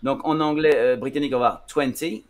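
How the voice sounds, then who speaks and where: Man, casual studio chat, explaining English pronunciation, hesitant, restarts often, mid pitch. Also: rapid-fire, smooth. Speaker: English language guest explaining accents. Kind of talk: casual radio-style explanation.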